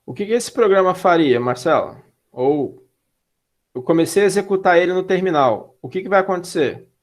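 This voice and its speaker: A man with a slightly high voice teaching a classroom lesson on algorithms. He keeps it casual and relaxed, pauses often to check whether the students are following, and drops in slangy asides. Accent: Brazilian Portuguese. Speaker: instructor. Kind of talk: classroom lecture.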